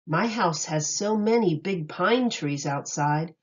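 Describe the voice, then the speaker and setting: A woman, a teacher, reads a rhyming story to young listeners, speaking unhurriedly and clearly phrase by phrase. Her pitch swings in an animated sing-song, captured in slightly dull, lo-fi sound.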